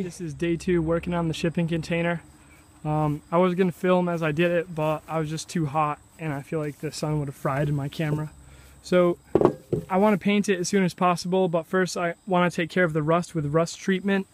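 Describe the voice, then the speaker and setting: A young man filming a casual video diary outdoors at a rural building site, talking in a relaxed, chatty way with halting restarts. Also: on the high side. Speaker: DIY vlogger.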